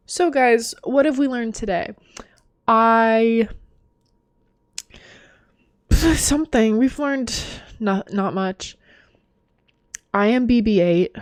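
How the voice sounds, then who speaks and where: A woman's voice: a little high, dry recording, studio quality. A tired young woman chatting casually through a quiz, giggly and self-mocking. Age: young adult. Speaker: vlogger. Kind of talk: casual chat doing a quiz.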